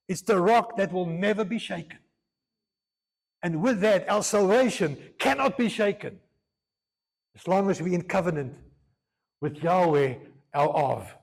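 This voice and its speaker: Bilingual pastor preaching. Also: male voice, sits high, creaky, breathy edge. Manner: switches between Afrikaans and English mid-sentence, earnest, repeats phrases. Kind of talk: sermon.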